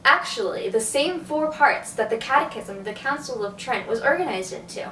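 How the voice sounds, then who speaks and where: A young woman with a slightly high voice co-hosts a casual scripted video, bubbly and enthusiastic. The recording is roomy and echoey. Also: expressive, moderate pace, fairly bright tone, slight background noise. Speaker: co-host. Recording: echoey room, mic at a distance.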